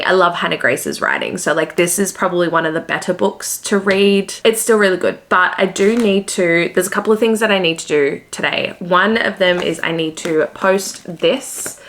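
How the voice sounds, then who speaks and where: A woman's voice: fairly low pitch, fairly bright tone. A woman with an Australian accent chatting casually in a vlog, rambling along with lots of "like". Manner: rambling, heavy use of "like". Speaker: book vlogger and host.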